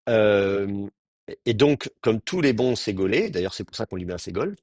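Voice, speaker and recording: A man's voice: lowish voice, big pitch swings, moderate pace, darkish tone, no echo, clean studio sound. A man teaching a grammar class, explaining patiently and often restarting his sentences. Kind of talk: Hebrew grammar lecture.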